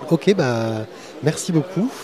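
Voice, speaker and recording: A man's voice: a little high, animated, takes it slowly, a crowd in the background. A man hosting a podcast, interviewing a comic artist at a festival and then chatting about his day there with many fillers.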